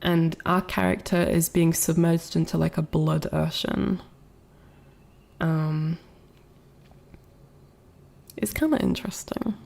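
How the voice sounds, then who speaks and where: Her voice deep, steady, creaky, and a little mellow, a congested young adult streamer slowly rambles to her chat with long pauses, many fillers, and restarts. She sounds like she has a cold, and there is slight background noise.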